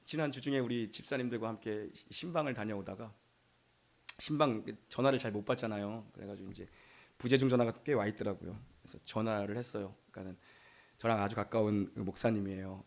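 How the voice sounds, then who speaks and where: A man's voice: on the low side, fairly even intonation, fast, creaky. A male pastor from Gyeonggi Province giving a Sunday sermon in a chatty storytelling way, acting out bits of dialogue. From Gyeonggi Province, Korea.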